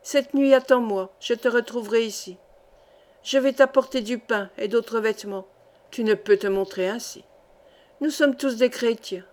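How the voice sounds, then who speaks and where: A woman's voice: fairly high pitch, moderate pace, lightly acted. A woman reading a devout old grandmother. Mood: tender. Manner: soft, pleading, prayerful.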